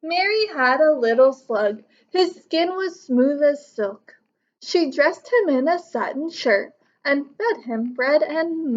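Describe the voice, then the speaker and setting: The audio is dull, carrying the high-pitched voice of a teacher in her thirties. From the living room couch at home, she reads a picture book aloud and explains it instructively to young pupils.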